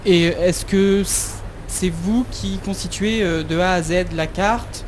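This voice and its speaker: A man's voice: sits high, takes it slowly, slight background noise. A man asking interview questions, hesitating with fillers.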